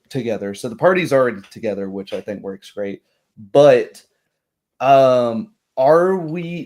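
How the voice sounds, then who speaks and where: Acting as game master, a man casually sets up a tabletop roleplay session, rambling, halting and often correcting himself. His voice is mid-range with a darkish tone.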